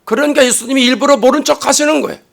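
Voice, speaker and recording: High-voiced gravelly man preaching. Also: racing. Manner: swings between loud emphatic rises and quiet low asides; acts out quoted lines dramatically. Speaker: pastor. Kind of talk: sermon. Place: church sanctuary.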